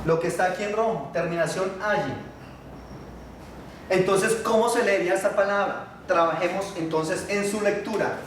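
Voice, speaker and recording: A man teaching a Biblical Hebrew class, patiently asking his students questions and pausing on fillers. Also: high-pitched, distant mic, noisy background. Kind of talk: classroom lesson. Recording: echoey room, voice from afar.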